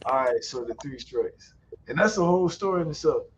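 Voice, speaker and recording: A YouTuber hosting a live stream chats casually, telling stories in a loose, profane way and laughing often. His medium-pitched voice is animated and brisk. The sound is muffled, with faint ambient noise.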